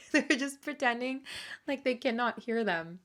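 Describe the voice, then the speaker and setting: A woman's voice: on the high side, lively intonation, a little slow, a bit bright. A woman hosting a casual commentary, wry and amused as she talks over clips. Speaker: commentary host.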